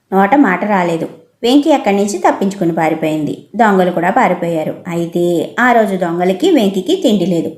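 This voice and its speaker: A woman narrating a children's folk tale in a steady, measured way. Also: medium pitch, reverberant. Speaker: storyteller. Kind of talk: storybook narration.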